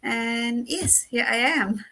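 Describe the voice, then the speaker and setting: A woman's voice: a little high, slow pace, bright, forceful tone. A woman from Sri Lanka introducing herself as a guest on a live video call, friendly and brief.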